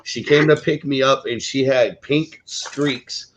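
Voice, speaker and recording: A man's voice: medium pitch, steady tone, slow, slight background noise. A man in his forties, co-hosting a livestream, telling a long story in casual chat with many restarts. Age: 40s. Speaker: co-host of a livestream. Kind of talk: casual chat on a video call. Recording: dull lo-fi stream audio.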